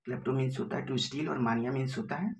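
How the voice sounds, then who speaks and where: A man's voice: medium pitch, fast, gravelly, slight background noise. Patient Indian male tutor, rhetorical questions. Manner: explains patiently, repeating "theek hai" and asking rhetorical questions; spells words letter by letter. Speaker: teacher. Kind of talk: exam-prep vocabulary lesson.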